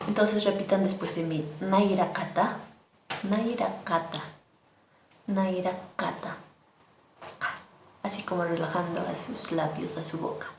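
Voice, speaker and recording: A woman's voice: lowish voice, fairly even intonation, brisk, gravelly, hardly any pauses, a little mellow. A woman teaching Aymara words online, patiently repeating each one so learners can say it after her. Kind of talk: online language lesson. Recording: echoey room with faint noise.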